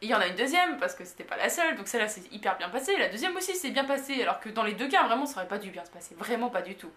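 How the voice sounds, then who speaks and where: A young woman from France telling an anecdote in a casual, slangy way, full of fillers and lively asides. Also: a little high, racing. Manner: animated, slangy, many fillers. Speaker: vlogger. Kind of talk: casual storytelling. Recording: echoey room.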